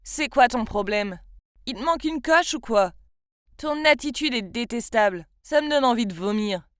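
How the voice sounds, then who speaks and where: Protective storybook schoolboy, blunt but kind, put on by a woman narrator, slightly lower, dry close sound. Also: fairly even intonation, normal speed, clean tone, dry recording, natural voice. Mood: scolding.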